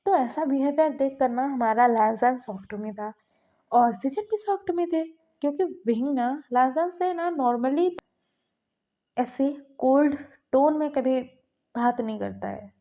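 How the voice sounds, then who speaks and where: A woman's voice: high-pitched, a little slow, warm tone. A young woman telling her own fan fiction in a casual, chatty way, talking straight to her listeners. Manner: chatty, addresses listeners as cuties. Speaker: storyteller.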